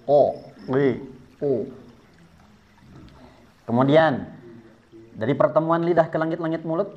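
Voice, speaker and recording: A man with a mid-range voice teaches the rules of Quran recitation, patiently going through each step and demonstrating sounds for his students to repeat back. The tajwid lesson is recorded with dull lo-fi sound and slight background noise.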